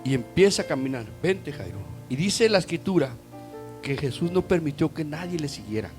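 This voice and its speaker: A man preaching a sermon, swinging from loud urging to hushed, near-whispered passages and calling his listeners brother. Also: a little high, expressive, fairly quick, faint music behind. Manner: addresses listeners as "hermano".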